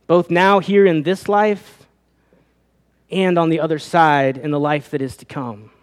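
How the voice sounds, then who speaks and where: A pastor preaching a sermon, asking his listeners rhetorical questions, his voice rising and falling. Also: sits high. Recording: long reverb of a hall.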